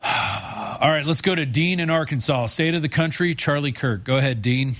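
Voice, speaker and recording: A man's voice: fairly high pitch, normal speed, a bit bright, dry recording. American male talk show host, dry close sound. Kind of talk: informal talk radio monologue and call-in.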